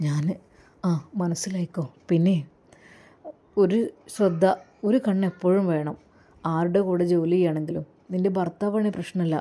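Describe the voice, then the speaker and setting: A woman's voice: fairly low pitch, steady tone, moderate pace, pauses often, natural voice. A woman doing a protective young man giving advice. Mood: earnest. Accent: Malappuram Malayalam. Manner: earnest, protective advice, with soft endearments. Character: young man, caring protective friend, gently advising.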